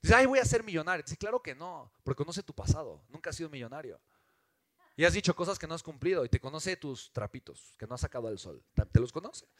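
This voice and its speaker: Man, Mexican accent, motivational mentor talk, emphatic, fairly high voice, dry close sound. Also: fast talker, no echo. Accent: Mexican Spanish. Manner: emphatic, animated, asks rhetorical questions. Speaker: business mentor.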